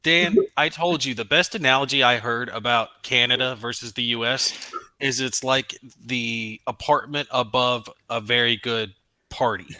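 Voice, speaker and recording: A man's voice: medium pitch, steady tone, moderate pace, sharp tone, no echo. A man from the US South with a Southern accent, teasing and joking in a casual podcast chat.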